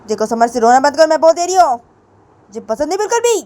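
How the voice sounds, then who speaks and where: A woman's voice: fairly low pitch, a little fast, warm tone, slightly rough, no echo. A woman voicing a male teacher who firmly tells his student what to do, repeating herself. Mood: scolding. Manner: firm, repeats commands. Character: bossy male teacher, scolding then coaxing.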